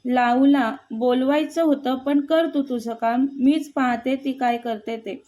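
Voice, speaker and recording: A woman's voice: sits high, fairly even intonation, a little slow. A woman voicing a kind, caring lady of the house. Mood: concerned. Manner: gentle, concerned. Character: kind caring older female mistress of house.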